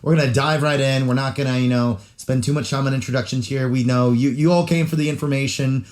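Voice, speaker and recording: A man's voice: mid-range voice, steady tone, fast talker, a little mellow. A young man from California co-hosts a podcast in a loose, easygoing chat. He jokes around and fills his talk with "like" and "you know". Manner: loose, jokey, full of fillers. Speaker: podcast co-host. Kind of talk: casual chat.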